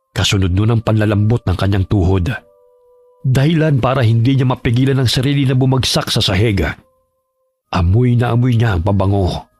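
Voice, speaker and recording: Casting: husky man, low voice, steady horror story narration. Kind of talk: scripted narration.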